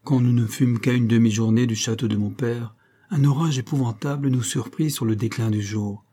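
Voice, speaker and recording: A man reading a classic story aloud in a measured, even narrating manner. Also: mid-range voice. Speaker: audiobook reader. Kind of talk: scripted literary narration.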